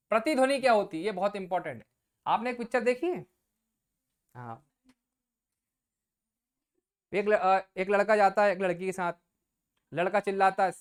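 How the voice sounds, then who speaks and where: Her voice sits in the mid range as she coaches students for an exam. Drawing on familiar, everyday illustrations, she keeps the tone relaxed and asks the class questions only to supply the answers on her own.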